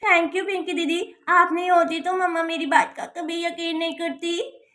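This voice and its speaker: A woman's voice: very high voice, flat delivery, unhurried, fairly bright tone. A woman voicing a stubborn little girl who whines and pleads in a doll story. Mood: pleading. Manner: whiny, insistent.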